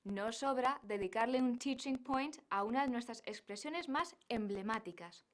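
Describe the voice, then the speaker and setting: A woman's voice: on the high side, normal speed. A woman teaching an English lesson, drawing out words carefully in pronunciation drills. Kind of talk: language lesson.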